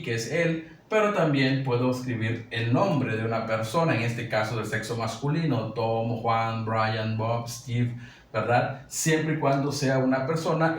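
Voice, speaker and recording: A male English teacher talks through a grammar lesson in a very echoey room, standing some way from the mic. His pitch sits in a middle range, and he keeps checking in with listeners as he goes. A faint hum of room noise sits under his voice. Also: recorded from a distance. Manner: patient, repeats "¿ok?" and "¿verdad?" often; reads English example sentences slowly. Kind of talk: classroom-style grammar explanation.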